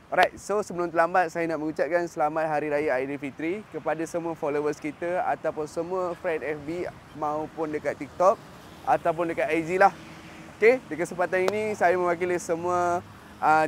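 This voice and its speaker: A man's voice: a little high, slight background noise. Upbeat Malaysian motorcycle salesman outdoors. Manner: upbeat salesman patter, mixes in English fillers. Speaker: motorcycle dealer. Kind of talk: sales video walkthrough. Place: outdoor parking lot of a motorcycle shop.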